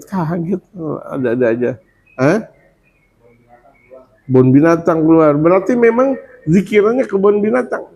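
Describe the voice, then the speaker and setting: A male preacher gives a Ramadan sermon in a lively, colloquial way with humorous asides, often chanting the same devout phrases again and again. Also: on the high side, vocal fry. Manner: repetitive chanting of dhikr phrases. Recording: dull lo-fi recording.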